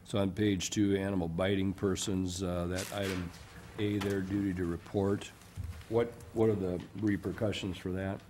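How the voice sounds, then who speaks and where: A man's voice: low-pitched, flat delivery, moderate pace, hardly any pauses, a little mellow, slight background noise. A man on a city council asking staff questions in an informal, probing way, with filler sounds. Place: council chamber, indoors.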